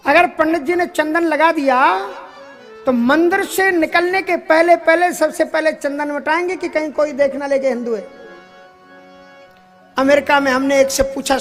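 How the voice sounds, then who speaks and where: Over soft background music, a preacher with a strikingly high, slightly bright voice gives an unhurried devotional sermon full of long pauses. Everyday stories carry his spiritual points, and he chuckles and sometimes switches into English.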